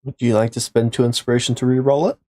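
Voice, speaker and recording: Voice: mid-range voice, level tone, quick pace, dark tone. A game master narrating a tabletop role-playing game and calling for rolls.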